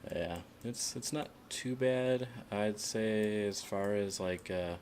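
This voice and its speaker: A man streaming a game, chatting casually with other players in a relaxed, hesitant way with many fillers. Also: lowish voice, takes it slowly, slight background noise. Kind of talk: casual voice chat while playing.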